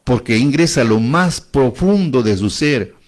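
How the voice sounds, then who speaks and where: A man preaching in a middle-pitched voice. He leans on repetition and throws out rising rhetorical questions to his listeners. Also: lively intonation, measured pace. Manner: emphatic, repeats phrases, rising rhetorical questions. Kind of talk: sermon.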